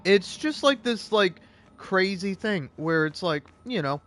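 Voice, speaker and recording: Man, casual gaming chat, rambling, chuckling, slightly high voice, eating while talking. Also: expressive, a little slow, fairly bright tone. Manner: rambling, chuckling, restarts a lot. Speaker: streamer.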